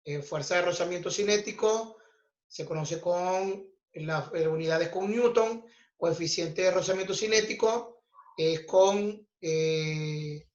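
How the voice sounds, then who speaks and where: A man teaching a physics lesson, explaining step by step and checking in with "ok?" after nearly every point. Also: sits high. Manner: slow, deliberate explaining, checks in with "ok?" constantly. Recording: roomy, dull lo-fi recording.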